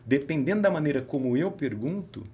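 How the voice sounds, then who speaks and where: Hosting a casual podcast chat, a therapist with a Brazilian Portuguese accent tells stories as an animated storyteller, acting out his dialogues with patients. His voice is fairly high-pitched and fairly quick, with slight background noise behind it.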